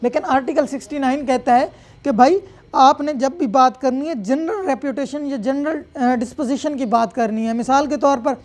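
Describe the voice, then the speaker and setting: In a high, slightly mellow voice at normal speed, a Pakistani-accented woman explains points of law, slipping English terms into the lecture. She teaches didactically and keeps checking in to make sure her audience follows.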